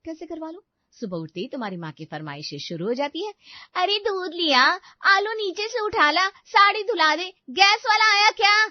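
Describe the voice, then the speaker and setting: A woman's voice: very high-pitched, very animated, normal speed, no room sound. A woman voicing an indignant, overworked young wife. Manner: indignant, complaining and sarcastic. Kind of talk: animated family story voice acting. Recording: dry, slightly dull studio recording.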